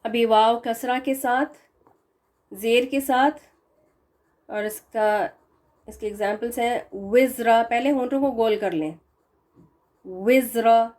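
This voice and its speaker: Woman teaching recitation, slightly high voice, slow careful examples. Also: darkish tone. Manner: patient, repeats example words slowly. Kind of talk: explaining pronunciation lesson.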